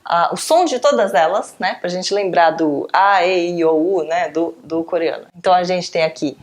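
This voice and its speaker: A woman's voice: fairly low pitch, normal speed. A woman teaching a beginners' language lesson, explaining step by step and often checking in with her students. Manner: patient, explaining step by step with frequent check-ins. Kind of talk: online lesson.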